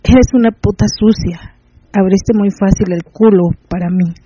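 A man voicing a domineering, mocking man in an erotic audio story, speaking low and hushed. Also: measured pace, lo-fi sound, slight background noise, lightly acted. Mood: taunting.

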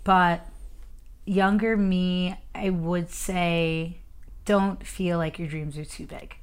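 Easygoing woman guest with a lowish voice. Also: steady tone, slow, smooth. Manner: easygoing, filler-heavy with "like". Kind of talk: casual dinner chat.

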